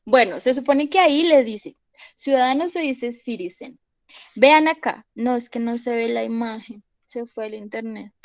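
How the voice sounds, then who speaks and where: A young woman teaches a class from home, speaking close into her phone mic. Her voice sits a little high and sounds dry, with no room around it. She walks through each step and keeps asking whether everyone is following. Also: moderate pace, dry recording, low-quality recording. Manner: explains step by step, checks in with "¿listo?" often. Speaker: English teacher. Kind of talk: online class explanation. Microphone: phone microphone.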